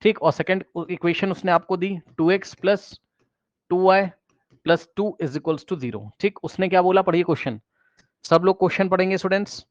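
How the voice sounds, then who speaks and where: A man's voice: high-pitched, no echo, highs cut off. A man teaching a math class, questioning students directly and repeating key phrases, mixing English math terms into his explanation.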